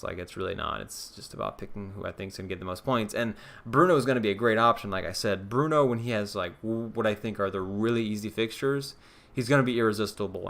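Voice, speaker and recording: A man's voice: fairly low pitch, vocal fry, fairly bright tone. A young man streaming live, casually thinking aloud and answering viewer questions with plenty of ums and restarts. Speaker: fantasy football streamer.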